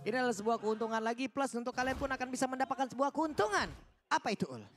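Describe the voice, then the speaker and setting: Esports shoutcaster, high register, dramatic live calls with casual banter. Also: lively intonation, racing, faint music behind. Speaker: esports match commentator. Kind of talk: live esports play-by-play commentary.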